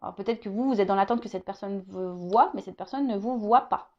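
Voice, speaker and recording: A woman's voice: mid-range voice, fairly quick, darkish tone, lo-fi sound. A woman giving a casual tarot reading to her viewers, hesitant, restarting and repeating words, often tagging on little asides. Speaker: tarot card reader.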